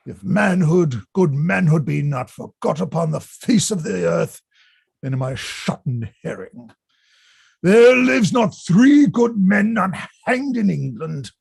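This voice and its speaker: An actor reading a fat old rogue knight in a Shakespeare play, grumbling and blustering like a drunkard in a gravelly voice. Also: male voice, fairly high pitch, a little mellow, no room sound, heavily acted. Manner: grumbling drunkard's bluster, swinging from muttering to bellowing.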